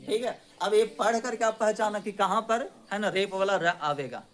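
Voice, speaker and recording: A male teacher, running a spelling lesson in a classroom. He drills his pupils with quick questions, and he scolds and teases them. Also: high voice, fairly bright tone.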